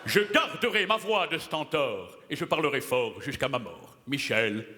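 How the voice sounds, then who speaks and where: A man playing a boastful, pompous male playwright who declaims loudly and theatrically on stage. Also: lively intonation, a little slow, lightly acted. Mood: grandiloquent. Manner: booming theatrical declamation, swings from shrill to low mutter. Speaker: stage comedian. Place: live stage in a theater hall. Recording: echoey hall, loud crowd and noise.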